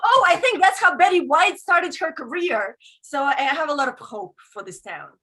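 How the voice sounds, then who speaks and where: A woman doing stand-up, speaking English as a non-native, with a deadpan delivery full of fillers and restarts. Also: sits high, normal speed, low-quality recording. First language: not English. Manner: deadpan, self-interrupting with fillers. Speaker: stand-up comedian. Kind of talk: stand-up set.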